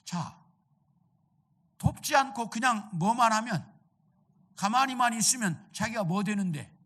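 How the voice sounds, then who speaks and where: A middle-aged man delivers a sermon as senior pastor, his pitch rising and falling in wide swings. He tells the story by stepping into each character's lines, then turns to the congregation with questions he answers himself. His tone is bright and forceful. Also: animated, a little slow. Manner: storytelling preacher who acts out the characters' quoted lines.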